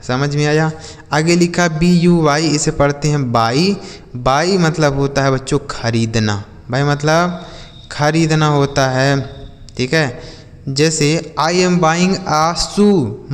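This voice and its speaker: A man teaching English vocabulary from Hindi, spelling each word letter by letter and slowly repeating every example sentence. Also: fairly high pitch, big-room sound. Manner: asks the listener questions and answers them himself. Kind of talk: slow, drilled vocabulary lesson.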